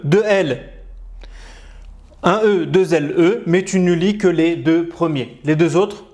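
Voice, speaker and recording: A man's voice: sits high, darkish tone. A man teaching reading, patiently sounding out French syllables one at a time and switching into to explain. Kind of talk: bilingual reading lesson, French explained in Arabic.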